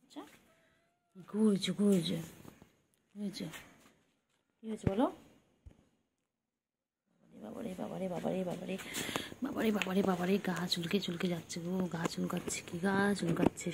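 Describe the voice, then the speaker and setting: A woman's voice: on the low side, fairly even intonation, moderate pace, creaky, long pauses, noisy background. A woman filming her pet cat at home, talking to it in repetitive, sing-song baby talk.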